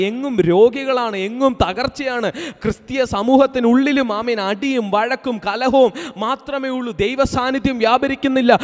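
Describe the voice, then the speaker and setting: A man delivers a fervent sermon in a strikingly high voice. He keeps circling back to his points, punctuating them with amen and hallelujah, and sometimes slips into speaking in tongues. His voice carries a long reverb, as if filling a large hall. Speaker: apostle preaching. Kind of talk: Pentecostal sermon.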